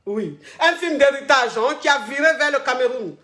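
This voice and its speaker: A high-pitched woman talks a caller through her troubles, teasing and dramatic, looping the same phrases again and again. Her voice rings in a noticeably echoey room. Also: expressive, moderate pace, bright, forceful tone. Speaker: host coaching callers. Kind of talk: casual advice call. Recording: roomy echo.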